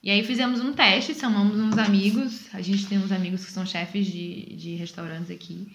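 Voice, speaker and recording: A woman's voice: medium pitch, fairly even intonation, moderate pace, a little hiss or hum. A Brazilian woman from Sergipe with a matching accent, chatting as a guest about her small business, with many fillers. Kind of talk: casual recorded interview. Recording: roomy and slightly dull.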